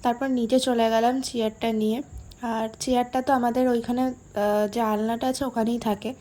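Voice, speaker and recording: A young woman, narrating her daily vlog in a soft, quiet, slow voice-over. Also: on the high side, flat delivery. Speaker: vlogger.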